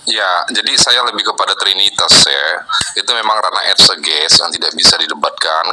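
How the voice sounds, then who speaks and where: A man calling in to add a measured, explanatory comment on theology. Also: deep voice, sharp tone, low-quality recording. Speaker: caller.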